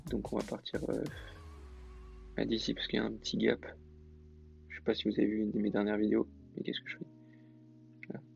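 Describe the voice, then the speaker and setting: A man's voice: lowish voice, vocal fry. A man explaining a trading lesson in a casual, hesitant way, with many fillers and self-corrections. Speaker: trading tutor. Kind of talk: casual screen-recorded lesson.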